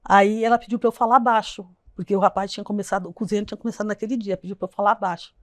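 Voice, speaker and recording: A woman tells a painful personal story as an interview guest. She speaks haltingly, repeating herself and acting out the dialogue of others. Her voice is mid-pitched and sounds dry and close. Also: fairly even intonation, dry recording. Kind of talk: emotional personal account.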